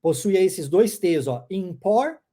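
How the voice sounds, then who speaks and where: A woman with a Minas Gerais Brazilian accent giving a chatty, playful English lesson and drilling words slowly. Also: lowish voice, expressive, dark tone. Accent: Brazilian Portuguese, mineiro (Minas Gerais). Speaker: English teacher. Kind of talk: casual online English lesson.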